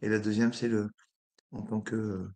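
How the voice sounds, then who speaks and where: A hoarse man presenting a project in an online meeting, hesitating often with fillers. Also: lowish voice, flat delivery, unhurried, darkish tone. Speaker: presenter of an incubator.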